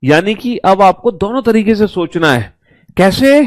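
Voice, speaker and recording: A man's voice: sits high, animated, moderate pace, no echo. A male teacher giving a recorded class, drilling letter mnemonics and coaxing his students along. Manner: addresses students as beta, coaxing. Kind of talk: recorded online class lesson.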